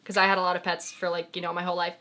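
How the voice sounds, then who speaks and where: A young woman hosting her own vlog in casual chat, talking with lots of "like" and trailing off softly. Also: lowish voice, level tone, very fast. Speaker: vlogger host.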